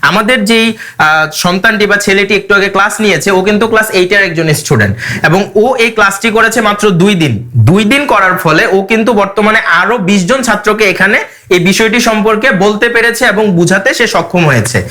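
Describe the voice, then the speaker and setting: Fast, bright-voiced male teacher. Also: high voice. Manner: brisk, encouraging, promotional. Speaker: English teacher. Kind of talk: classroom address.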